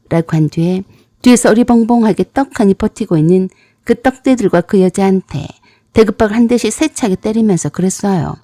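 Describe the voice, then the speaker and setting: A woman's voice: mid-range voice, warm tone, no echo, clean studio sound. A woman narrating a dramatic personal story in a blunt, tough-talking manner.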